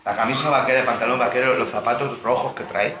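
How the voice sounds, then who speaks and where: A man's voice: medium pitch, steady tone, fast talker. A male pastor giving a Bible study lesson, explaining words and quizzing his listeners. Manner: explanatory, asks the audience questions. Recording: very echoey room.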